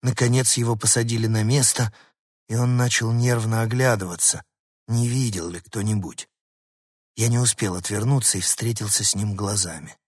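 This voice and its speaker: A man narrating a children's story in the first person with expressive storytelling. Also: fairly low pitch, moderate pace, slightly rough, dry recording, studio quality. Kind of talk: scripted narration.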